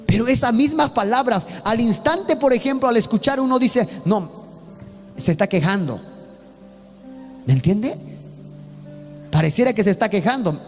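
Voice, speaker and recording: A man's voice: extremely high pitch, animated, normal speed, pauses often, in a large hall, faint music behind. A man from Bolivia preaching a sermon as a pastor, talking earnestly and repeating himself with many restarts.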